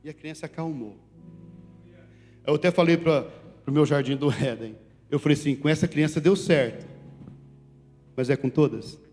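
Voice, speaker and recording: A male pastor from Brazil preaching a sermon, animated, moving between loud calls to the congregation and quiet asides. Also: a little high, moderate pace, pauses often. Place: church sanctuary. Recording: reverberant church hall with faint music.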